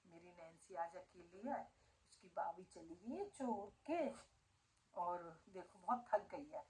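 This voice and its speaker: The audio is poor, but this middle-aged woman's fairly low, darkish voice keeps a measured pace. Vlogging casually at home for her family channel, she speaks to viewers tenderly and emotionally about her pet dog.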